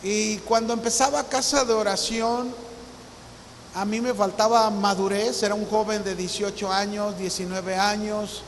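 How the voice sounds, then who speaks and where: A man's voice: high-pitched, level tone, unhurried. A man around sixty, preaching a sermon as a visiting pastor in an earnest storytelling manner. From Mexico. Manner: earnest storytelling, acts out remembered dialogue. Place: church hall. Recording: reverberant hall with faint hiss.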